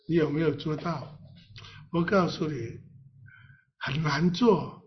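A man's voice: a little high, slow pace. A man pastor preaching a sermon in a playful way, full of rhetorical questions and reading scripture aloud. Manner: reads scripture aloud with the congregation. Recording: dull lo-fi recording.

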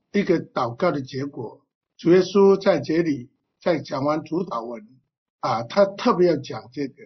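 A pastor preaching a sermon with fervor, often clearing the throat and filling pauses with "ah". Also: mid-range voice. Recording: dull lo-fi recording.

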